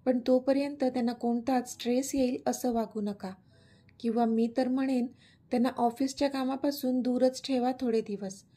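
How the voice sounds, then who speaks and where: A woman's voice: sits high, fairly even intonation, warm tone. A woman voicing a reassuring male doctor. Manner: measured, advising.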